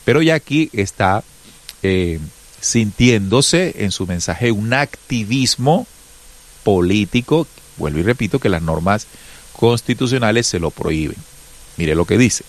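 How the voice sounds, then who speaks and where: A man with a Colombian Caribbean coast accent giving emphatic, indignant political commentary straight to his viewers. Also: fairly low pitch. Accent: Colombian costeño. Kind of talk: casual political commentary to camera.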